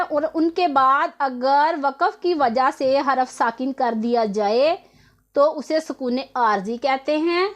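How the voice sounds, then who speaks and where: In an online tutorial, a woman with a high-sitting voice teaches the rules of Quran recitation, explaining patiently step by step and repeating each rule.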